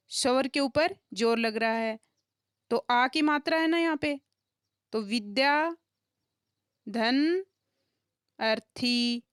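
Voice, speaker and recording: Slow, high-voiced woman teaching a lesson. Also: clear, resonant tone, no room sound, clean studio sound. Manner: asks rhetorical questions and answers them, slow and deliberate. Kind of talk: explanatory grammar lesson.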